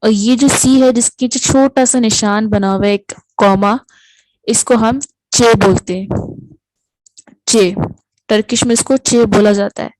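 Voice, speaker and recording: A woman with a fairly high voice teaches letters one at a time, patiently repeating every sound. The voice-over is close and dry, with no room sound behind it. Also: steady tone, darkish tone, no echo, low-quality recording. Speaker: language teacher. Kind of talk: alphabet lesson, slow explanation.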